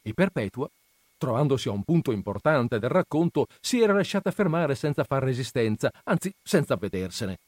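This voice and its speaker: A man giving an expressive, dramatic reading of a classic novel. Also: mid-range voice, brisk, dry recording. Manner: dramatic, animated storytelling. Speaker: reader.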